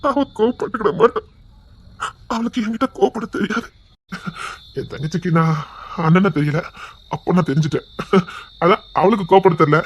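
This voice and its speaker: An actor playing a man who broods over a hurt sister, quietly repeating himself, with a fairly high voice. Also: brisk, long pauses, muffled recording. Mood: brooding. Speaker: actor in a television serial. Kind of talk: television drama acting.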